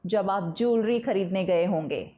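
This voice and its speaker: A woman's voice: medium pitch, dark tone. A woman from Mumbai teaching English vocabulary in Hindi, spelling each word out letter by letter and explaining its meaning. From Mumbai, India. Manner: slow, deliberate spelling-out of words letter by letter.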